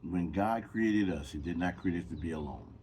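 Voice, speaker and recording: A man co-hosting a podcast, talking in a relaxed, loose, conversational way. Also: deep voice, normal speed, slight background noise. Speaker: podcast co-host. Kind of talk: casual chat.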